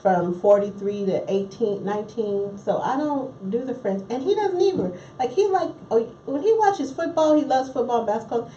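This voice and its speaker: A woman's voice: on the high side, expressive, normal speed, hardly any pauses, warm tone, a little hiss or hum. A married woman chatting casually and reflecting, laughing easily as she talks. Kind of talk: casual chat. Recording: distant, roomy, dull with faint ambience.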